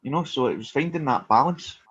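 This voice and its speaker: Male stand-up comic, husky mid-pitched voice, casual rambling chat, self-deprecating, slightly dull lo-fi recording. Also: brisk, a bit bright. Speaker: stand-up comedian.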